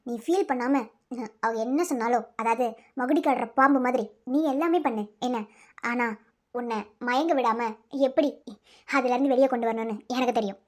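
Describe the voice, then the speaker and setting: A woman's voice: a little high, normal speed, natural voice. A woman voicing a bold young woman in a cartoon, firm and confident as she reassures a friend. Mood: determined.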